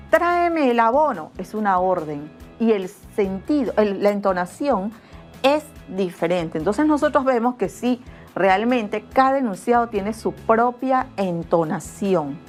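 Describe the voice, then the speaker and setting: A middle-aged schoolteacher, explaining grammar in a remote class and acting out example phrases in different tones. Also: female voice, mid-range voice, a little mellow. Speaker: school teacher.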